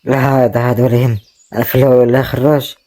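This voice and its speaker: A man's voice: medium pitch, little pitch movement, very fast, dark tone, lightly acted. A man playing a proud Egyptian brother who shrugs off worry. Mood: reassuring. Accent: Egyptian Arabic. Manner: reassuring, brushes off worry. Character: kind, proud brother left poor and homeless. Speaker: actor in a web drama.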